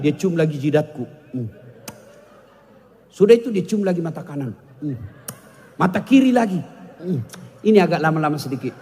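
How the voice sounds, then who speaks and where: A man's voice: fairly high pitch, a little mellow, big-room sound. A man preaching a humorous sermon, joking with the audience and singing snatches of songs. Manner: jokey, sings snatches of songs, banters with the audience. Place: large hall with an audience.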